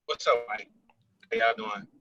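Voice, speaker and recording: A man's voice: bright, forceful tone, far from the mic, a little hiss or hum. Man on a muffled speakerphone while driving. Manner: halting, with many fillers and restarts. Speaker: caller on a panel. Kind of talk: casual chat.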